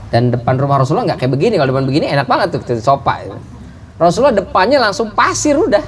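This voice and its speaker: A man's voice: sits high, quick pace, slight background noise. A middle-aged man preaching a sermon, telling stories and acting out the voices of the people in them. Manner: lively storytelling, acting out voices of characters. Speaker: Islamic preacher.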